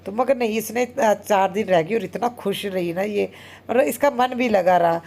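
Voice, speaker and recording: A woman in her thirties, a homemaker vlogger, chatting casually and very fast with many fillers. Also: mid-range voice, a little mellow. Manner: talks very fast. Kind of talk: casual vlog narration.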